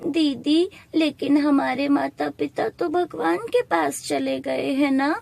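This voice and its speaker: A woman's voice: high-pitched, slow pace, gravelly, a little mellow, no echo, voice pushed up, exaggerated voice. A woman voicing a tired, frightened young orphan boy who talks in a tearful, pleading way. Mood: sad.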